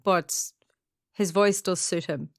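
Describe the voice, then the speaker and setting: A woman co-hosts a podcast in casual chat, filling her talk with fillers and frequent laughter. Her voice is low, slow, and gravelly, captured dry and clean through a studio mic, with headphones on.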